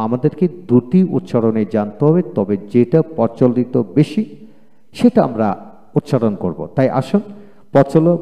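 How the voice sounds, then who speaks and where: A man's voice: medium pitch, mellow. A man with a Bengali accent giving an English lesson, spelling words out letter by letter, repeating each one twice, and encouraging the viewers he calls friends. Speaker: English teacher. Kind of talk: lecture. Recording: long hall reverb.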